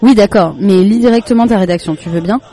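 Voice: medium pitch, fast talker, mellow, natural voice. The storybook narrator voicing an alarmed father who questions his son sharply and urgently at dinner.

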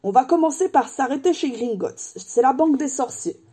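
Storybook giant, gruff and proud, a woman doing him higher than her own husky, mellow voice. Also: lively intonation, normal speed. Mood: hearty. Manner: grumbling, blunt and hearty.

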